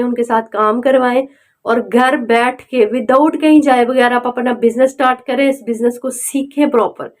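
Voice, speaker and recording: High-voiced woman urging viewers on. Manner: urging, repeats "okay" fillers, direct address. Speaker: online selling tutor. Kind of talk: motivational tutorial talk.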